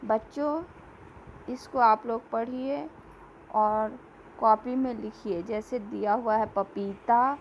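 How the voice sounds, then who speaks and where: A woman teacher giving a slow classroom lesson, reading questions and answers aloud and repeating words for young pupils. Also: fairly high pitch, steady tone, lo-fi sound, slight background noise.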